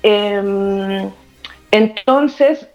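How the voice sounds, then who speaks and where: A psychologist interviewed remotely, speaking hesitantly with many "eh" fillers. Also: female voice, mid-range voice, extremely slow, soft background music. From Chile. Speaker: psychologist guest. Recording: dull lo-fi call line.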